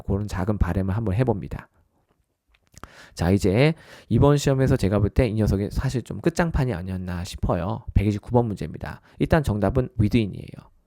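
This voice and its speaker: A man's voice: on the low side, dark tone, dry recording, clean studio sound. A man teaching as a test-prep instructor in a recorded lecture, often addressing his listeners as his students and checking in with short tag questions.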